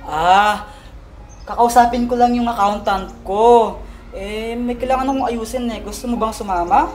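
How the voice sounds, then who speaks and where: A woman voicing a doting father who speaks gently and affectionately to his daughter. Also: on the high side, moderate pace, faint music behind, close to an everyday voice. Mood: tender. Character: caring, doting father, adult man. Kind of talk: animated story voice acting.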